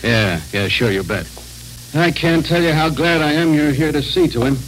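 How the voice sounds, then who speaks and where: An actor playing a brusque, pushy male stranger in an old radio serial, talking in a gruff, casual, slangy way. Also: a little high, expressive, normal speed, faint music behind, lightly acted, rough recording. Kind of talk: 1940s radio acting.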